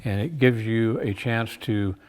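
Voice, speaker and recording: A man's voice: on the low side, a little slow. A plain-spoken, folksy man informally explaining and demonstrating game calls he makes. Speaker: game call maker demonstrating his products. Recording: reverberant room with long echo.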